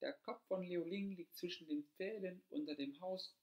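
A man voicing a magic hen that clucks and announces hidden secrets in a high chant. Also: normal speed. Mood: insistent.

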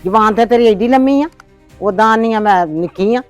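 A woman's voice: on the high side, brisk, faint music behind, natural voice. A woman playing a stern, nagging grandmother in a homemade family drama, lecturing and complaining. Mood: scolding. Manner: complaining, lecturing, sharp-tongued.

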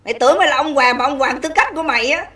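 A woman with a high, bright, piercing voice delivers an angry livestream rant. She scolds and insults in a harsh, relentless flow. She keeps turning to her viewers with rhetorical questions, asking whether she is right. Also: rapid-fire, recorded from a distance. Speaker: livestream host.

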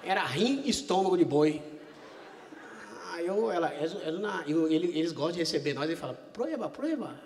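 A male stand-up comedian telling a story on stage at a live show, animated and swearing freely as he acts out the people in it. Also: on the high side, a little fast, big-room sound.

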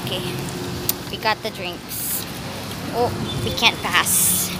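A young woman vlogging casually and excitably with friends, filmed on a handheld phone camera outdoors in a busy public place. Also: mid-range voice, slow pace. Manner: giggly, excitable. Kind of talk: casual vlog chat. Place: busy street and food court outdoors. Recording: loud crowd and traffic noise.

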